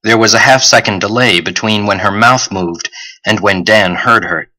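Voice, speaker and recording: A man reads a novel aloud in a steady, clear storytelling manner. His voice sits a little low, with a bright, forward tone. The reading is even and measured. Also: rough recording. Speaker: audiobook narrator. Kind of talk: scripted narration.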